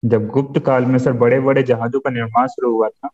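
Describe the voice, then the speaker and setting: A man's voice: medium pitch, level tone, fairly quick, darkish tone. A young man, a student in class, asking a question politely and hesitantly. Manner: polite, hesitant, says "sir" often. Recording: dull lo-fi classroom recording.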